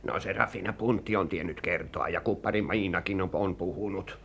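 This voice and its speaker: A man's voice: deep voice, creaky, fairly bright tone, a little hiss or hum. An actor playing a gossiping old male servant in a radio play, telling town rumors in a sing-song way. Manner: sing-song storytelling, swooping up and down. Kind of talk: 1940s radio acting.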